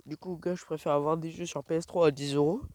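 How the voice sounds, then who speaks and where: A young man rambling in slangy, self-mocking talk while walking alone outdoors at night in a dark village, recorded on the phone he carries. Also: a little high, fairly even intonation, fast. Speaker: vlogger. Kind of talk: rambling casual vlog. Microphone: phone held while walking.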